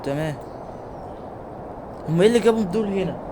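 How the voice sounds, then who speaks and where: A young man with an Egyptian Arabic accent giving jokey, excitable let's-play commentary. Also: high voice, fast. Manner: excitable, jokey, reacts loudly then drops to mutters. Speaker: gaming YouTuber. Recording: steady background noise.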